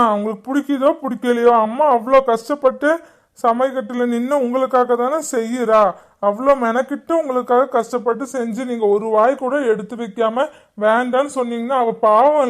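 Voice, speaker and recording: A woman's voice: on the high side, steady tone, moderate pace, lightly acted. A woman voicing a protective cartoon father. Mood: coaxing. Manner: indignant, then soothing. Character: protective father, middle-aged man, scolds wife. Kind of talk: cartoon voice acting.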